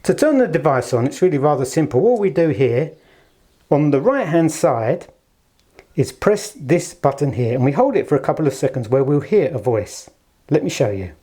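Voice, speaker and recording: A product presenter for an audio shop gives a casual demo while holding a handheld camera in one hand. His voice is mellow and husky, a little high, with big pitch swings at a moderate pace, and he's polite, chatty, and fond of understated superlatives.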